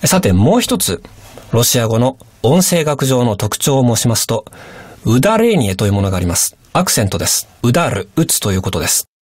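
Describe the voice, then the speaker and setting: A man as language teacher, giving a radio language lesson in polite, measured explanations. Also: medium pitch, very animated, a little mellow, slightly rough, dry recording, clean studio sound.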